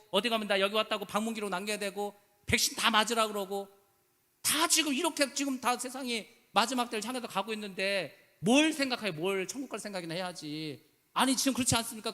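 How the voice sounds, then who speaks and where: A man's voice: extremely high pitch, bright, forceful tone. A man preaching a sermon as pastor, emphatic and full of rhetorical questions, slipping into casual speech. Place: church sanctuary. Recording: church hall reverb.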